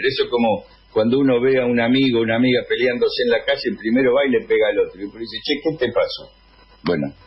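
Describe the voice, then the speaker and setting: An Argentine man hosting a radio show, delivering a political editorial in deliberate phrases with pauses. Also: mid-range voice, slightly rough, highs cut off. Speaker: radio host.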